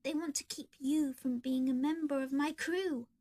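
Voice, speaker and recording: A woman voicing a menacing male pirate fox robot with slow, sinister pirate talk. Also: high voice, steady tone, dark tone, close to an everyday voice. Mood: pleading.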